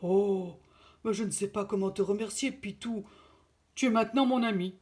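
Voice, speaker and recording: A woman voicing a big, tender brown bear in a storybook reading, talking quickly and with emphasis. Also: medium pitch, darkish tone, natural voice. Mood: emotional.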